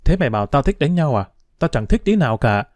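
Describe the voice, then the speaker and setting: A man voicing a scrappy, cheeky street urchin boy in an audiobook, talking fast and boastfully. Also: mid-range voice, big pitch swings, a little mellow, no echo, natural voice. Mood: cocky. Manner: boastful, quick, teasing. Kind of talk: audiobook character voice.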